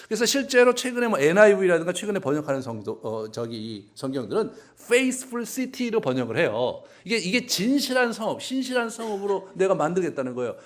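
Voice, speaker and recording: A male pastor preaching a sermon in a conversational, humorous way, often acting out voices. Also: sits high.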